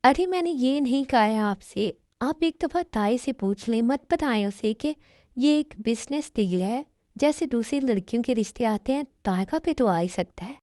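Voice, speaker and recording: A woman voicing a calm, caring middle-aged mother in an amateur dub, talking in a soothing, reasoning way. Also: fairly high pitch, moderate pace, no room sound, studio quality, natural voice.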